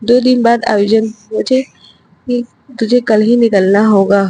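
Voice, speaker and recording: A woman's voice: on the high side, fairly even intonation, a little slow, mellow, slightly rough, rough recording. A woman voicing a stern, bossy father who scolds and gives orders, in a storybook reading. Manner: scolding, commanding.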